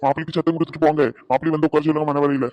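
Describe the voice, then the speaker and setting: Guy doing a bossy cartoon priest, rattling off orders super fast, kinda high voice. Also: level tone, highs cut off, close to an everyday voice. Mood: rushed. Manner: hurried, ordering people about. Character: hurried male wedding priest, bossy. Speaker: wedding priest.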